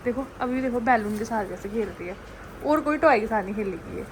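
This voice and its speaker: A woman's voice: on the high side, expressive, fairly quick, a little hiss or hum, poor audio. A young woman vlogging at home, chatting to the camera and teasing a baby in sing-song baby talk. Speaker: family vlogger. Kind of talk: casual home vlog chat.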